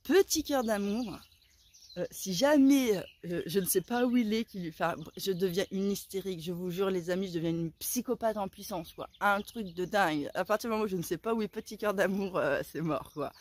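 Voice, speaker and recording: A woman in her forties telling a story in a casual vlog, animated and dramatic, with a sore throat that keeps her softer than usual. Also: mid-range voice, moderate pace. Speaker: vlogger.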